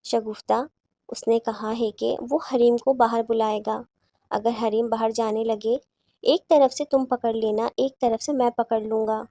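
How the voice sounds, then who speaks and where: A woman voicing a steady, reassuring older man in a horror audiobook. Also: fairly high pitch, no echo, lightly acted. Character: older man, calm protective father figure.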